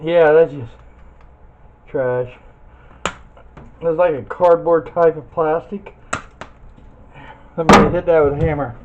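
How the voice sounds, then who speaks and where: This video host, tearing down scrap metal in a casual demonstration, has a fairly high pitch and fairly even intonation. He speaks slowly and pauses often, folksy and thinking aloud while he works, on a dull lo-fi recording with faint noise and clicks.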